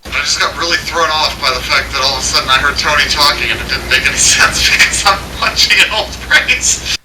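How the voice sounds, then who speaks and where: Male co-commentator, slightly high lively voice, far from the mic, echoey, loud music behind. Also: brisk, background noise. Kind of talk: casual chat during a race broadcast.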